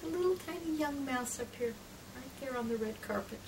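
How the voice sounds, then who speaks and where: A middle-aged woman who presents and trains in children's read-alouds gently reads a picture book to young kids, her voice sitting high. She draws out phrases, drops into hushed whispers, and asks the listener questions. The sound comes from a far camera mic in a small room lined with picture books, with clear background room noise.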